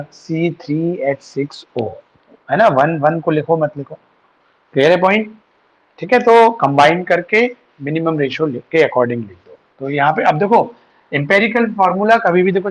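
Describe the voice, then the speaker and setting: Man teaching chemistry online, dull sound. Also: a little high. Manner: patient, addresses students as beta, mixes English terms. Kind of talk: online class lecture. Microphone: online class setup.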